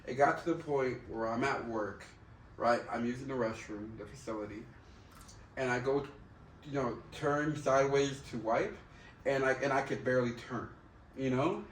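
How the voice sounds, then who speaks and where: A man's voice: mid-range voice, moderate pace. Echoey, candid man chatting casually. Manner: candid, profane, slangy, repeats himself. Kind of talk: casual chat. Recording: roomy, distant mic, faint background noise.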